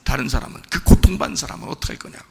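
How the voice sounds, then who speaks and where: A male pastor preaching a sermon with a raspy voice, firing rhetorical questions and swinging between hushed lines and shouting. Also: medium pitch, rapid-fire. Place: church sanctuary. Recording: long hall reverb.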